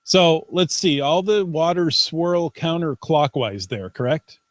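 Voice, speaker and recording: A man's voice: on the high side, slow, no room sound. A man co-hosting a casual podcast over a video call, chatty and reading news aloud with playful asides. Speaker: podcast co-host.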